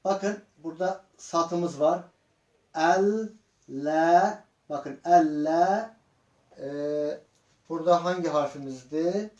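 A man teaching Quran reading in a slow lesson, sounding out syllables one by one and asking his students patient questions. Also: on the high side, darkish tone, dull audio. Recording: echoey room.

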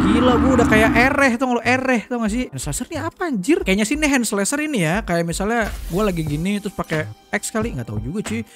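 A young man from Indonesia, giving casual gameplay commentary and breaking into loud yelps as he plays. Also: high voice. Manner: excitable, slangy, bursts into loud yelps during play. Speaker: gaming YouTuber.

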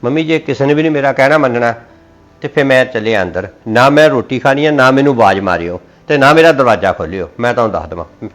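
A man's voice: medium pitch, quick pace, fairly bright tone. A man in a Punjabi family comedy sketch, complaining in a sulky way.

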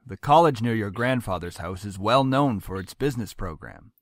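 A man's voice: on the low side, lively intonation, moderate pace, no echo, clean studio sound. An actor voicing a stern, controlling middle-aged father who talks coldly and commandingly. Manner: cold, commanding, explodes in anger.

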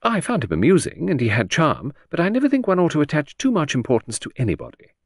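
A man putting on a high, lilting voice for a flighty older lady of the gentry, who chatters on in a breezy, rambling way. Her voice swoops up and down, and the recording is close and dry. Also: huge pitch swings, fast talker, slightly rough, no echo, exaggerated voice. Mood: airy.

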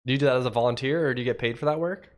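Racing along in a mid-range voice, this livecoding streamer is a young Washington state man who chats casually with viewers as he codes. His voice is a bit nasal and congested, with a cough, and he's chatty, thinking aloud and reading chat aloud.

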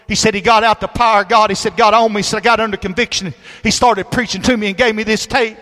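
A pastor preaches in a sanctuary, his high, bright voice ringing out with long reverb around it. He tells his story in a folksy, conversational way before climbing into loud, shouted praise. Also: steady tone, fast. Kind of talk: sermon. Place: church sanctuary.

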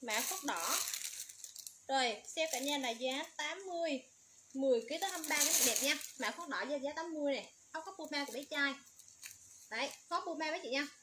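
A woman's voice: sits high, lively intonation, quick pace, heavy background noise. A woman running a livestream sale, rattling off product codes and prices in a repetitive sales patter. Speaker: livestream seller.

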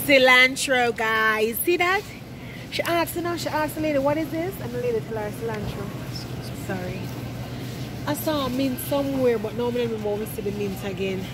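A young woman from Jamaica talks casually to her viewers while shopping, her accent strong and her voice a touch high. She chats and laughs as she walks, with the phone held at arm's length. Store noise stays clearly audible behind her. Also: moderate pace. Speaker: vlogger. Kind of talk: casual vlog chat. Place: large indoor supermarket. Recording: loud store background noise.

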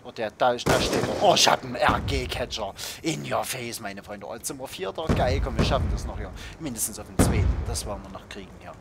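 A young man hosting his own gaming video, giving excited play-by-play of a shooter match and yelping at every hit. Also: mid-range voice, a little fast, vocal fry, hardly any pauses. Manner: yelps and groans at the game, shouting in bursts. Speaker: gaming channel host. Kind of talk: excited Call of Duty commentary. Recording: loud background game noise.

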